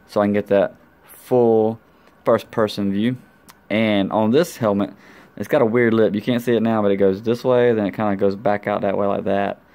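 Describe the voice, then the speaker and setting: With a fairly low, darkish voice, a man demonstrates motorcycle gear in a relaxed vlog tutorial. His talk is colloquial and hands-on, sprinkled with playful sound-effect interjections.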